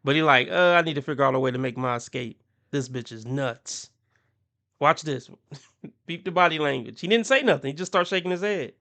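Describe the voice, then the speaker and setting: Guy doing reaction commentary, kinda high and gravelly, mocking tone, laughs a lot. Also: expressive, brisk, bright, forceful tone. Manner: laughs often, mocking, puts on voices for quotes. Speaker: commentary channel host.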